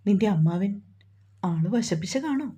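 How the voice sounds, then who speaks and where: A woman's voice: mid-range voice, lively intonation, a little slow, dark tone, breathy edge. A woman voicing a tender, protective young lover. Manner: tender, coaxing.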